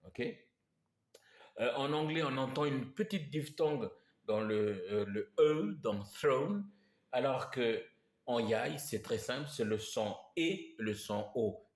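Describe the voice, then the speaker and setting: Male teacher, slow, patient delivery, repeats words, echoey room. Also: medium pitch, expressive. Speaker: language teacher. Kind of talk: slow language lesson.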